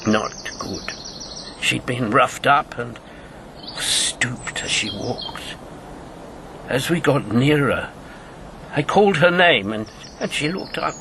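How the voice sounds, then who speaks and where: Here the same embittered, grieving old spy from the radio drama is voiced with a medium-pitched, gravelly tone and lively intonation against background noise. He's in his seventies, haunted and sombre, speaking with slow deliberation that breaks into bitter outbursts as he recalls the past.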